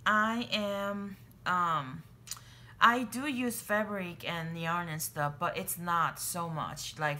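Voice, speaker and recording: Excitable chatty woman vlogger. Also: fairly low pitch, a little hiss or hum. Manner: chatty, excitable, many fillers and restarts. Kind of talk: casual chat to camera.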